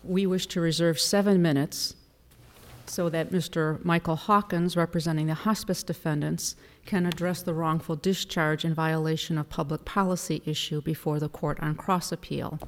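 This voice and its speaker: A woman attorney delivering a formal oral argument to a court in a deliberate, emphatic manner. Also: low-pitched, fairly even intonation. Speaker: appellate attorney. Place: large courtroom. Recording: reverberant hall.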